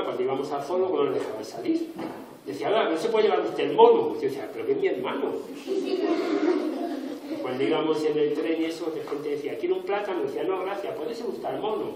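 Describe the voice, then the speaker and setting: A man who is an illustrator from Spain, telling jokey stories to schoolchildren in a playful way and acting out voices. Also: on the high side. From Spain, Extremadura. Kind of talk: storytelling talk to schoolchildren. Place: school hall or classroom. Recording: echoey room, far from the mic, noisy children. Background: crowd of children.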